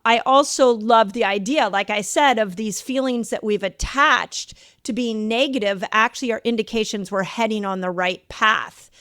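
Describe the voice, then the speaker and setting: A woman's voice: a little high, moderate pace, hardly any pauses, a bit bright, no room sound, clean studio sound. A middle-aged woman hosting a podcast interview, affirming her guest and thinking aloud with restarts. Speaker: podcast host. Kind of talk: conversational interview.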